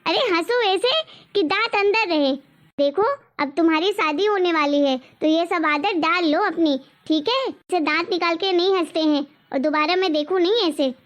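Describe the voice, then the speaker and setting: A woman's voice: very high voice, normal speed. A woman voicing a strict, nagging middle-aged mother in a cartoon story, lecturing and scolding.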